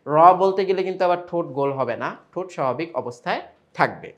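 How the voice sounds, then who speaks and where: Bangladeshi guy teaching quran letter sounds, a bit high voiced, drags out the example sounds slowly. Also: animated. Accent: Bangladeshi Bengali. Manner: slow drawn-out sample sounds between explanations. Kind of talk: step-by-step pronunciation lesson.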